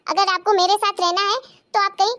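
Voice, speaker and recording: A young aunt from a cartoon story, newly married into the family, voiced by a woman. She talks in a sharp-tongued, complaining way. Her voice is high. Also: flat delivery, a little fast, no echo. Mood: resentful. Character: young aunt, new bride, turns resentful and harsh. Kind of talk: cartoon voice acting.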